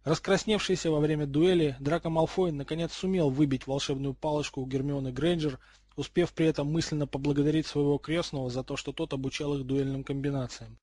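Husky man reading a storybook aloud. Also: a little high, steady tone, brisk, a little mellow, no echo. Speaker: audiobook reader. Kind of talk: storybook narration.

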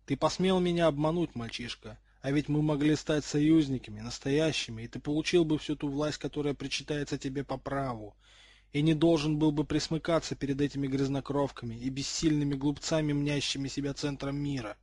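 A man doing a hushed, menacing dark lord. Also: a little high, fairly even intonation, fairly quick, husky, dry recording.

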